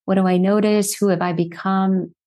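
A woman's voice: medium pitch, steady tone, moderate pace, dark tone. A middle-aged woman who works as a physician and life coach, a podcast guest telling her story in an earnest, reflective way, posing rhetorical questions.

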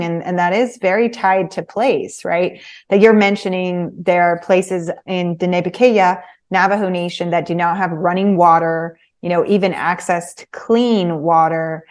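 Slightly low-voiced woman, measured and reflective. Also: a little mellow. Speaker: interviewer. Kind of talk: reflective, earnest commentary.

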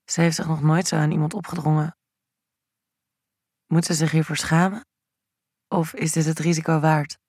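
A man narrating an erotic audio story in a slow, even, intimate reading. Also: on the high side, slightly rough, no room sound, studio quality.

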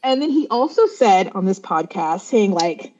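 A woman's voice: medium pitch, very animated, normal speed, darkish tone. Chatty woman with a dull lo-fi sound. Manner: chatty, retells stories with quoted voices. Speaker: podcast co-host. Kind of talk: casual chat.

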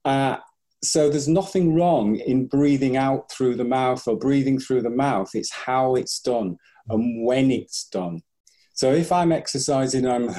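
A breathing coach on a podcast speaks in a mellow, medium-pitched male voice. He thinks aloud, often restarting sentences and acting out his clients' voices, in a thoughtful manner.

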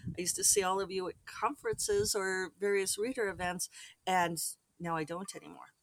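A rambling, friendly podcast host chats straight to listeners in a casual solo update, circling back and restarting thoughts as they go. The voice sits at a middling pitch, recorded close and dry with no room sound. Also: fairly even intonation, normal speed, fairly bright tone, dry recording. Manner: rambling and chatty, with frequent restarts. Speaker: author hosting own podcast.

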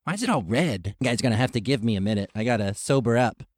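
A man as a player in a tabletop role-play, playful and quick with banter. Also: mid-range voice, expressive, no room sound, clean studio sound.

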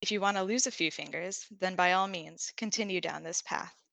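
A woman reading the lines of a gruff, threatening male pirate captain in a short story, with little change from her own voice. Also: on the low side, moderate pace, bright, forceful tone, no room sound. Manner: read plainly with little voice change.

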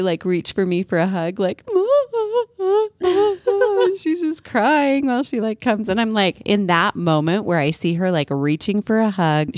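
A woman in her thirties co-hosting a podcast, telling a family story in a casual, animated way. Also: medium pitch, dry recording. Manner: animated, acts out family members' voices in her retelling. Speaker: podcast co-host.

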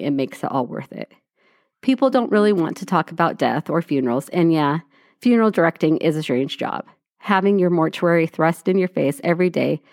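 A woman's voice: deep voice, a little mellow, dry recording. A woman co-hosting a podcast, reading a blog aloud to her co-hosts in a dry, wry way, sometimes correcting herself. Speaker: podcast co-host.

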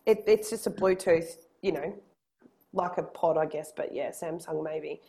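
An Australian woman, a personal trainer, chatting casually on a podcast. Her voice carries strongly, as though projected to the back of a room, and she talks with lively energy. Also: low-pitched, creaky. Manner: lively and quick when excited.

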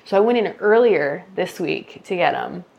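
A woman's voice: on the low side, animated, normal speed, creaky, darkish tone. A young woman who grows mushrooms, telling a story in casual chat and acting out quoted exchanges, with some swearing. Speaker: mushroom grower, guest.

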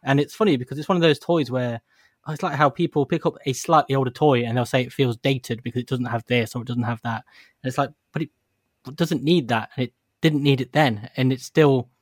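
This man speaks quickly at a middle pitch, in an animated, joking way. He co-hosts a casual chat and often turns nostalgic. The sound is dry and close. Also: no echo. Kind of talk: casual chat about collectible toys.

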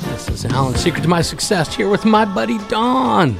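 A man hosting a casual interview, joking and teasing with quick questions. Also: high-pitched, very animated, creaky, loud music behind the voice. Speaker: host.

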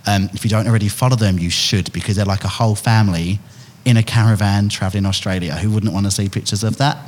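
Chatty Essex man hosting, low voice. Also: fairly even intonation, quick pace. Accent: Essex English. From England. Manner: chatty, jokey, playful. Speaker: podcast host. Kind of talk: casual chat. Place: bar venue with guests around a table.

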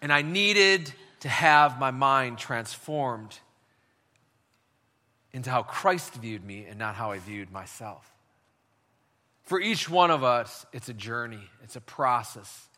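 Bright-voiced preaching man in a hall. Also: mid-range voice, a little slow. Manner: emphatic preaching, leads the congregation in call and response. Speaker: pastor. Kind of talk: sermon.

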